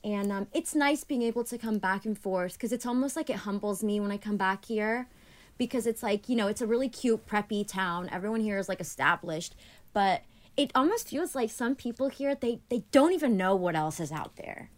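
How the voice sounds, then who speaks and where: In a mid-range voice at a moderate pace, this young podcast guest from Annapolis, Maryland, raised speaking Greek, calls in remotely from home. The casual interview finds her talkative and filler-heavy, with lots of "like," growing animated as she retells stories.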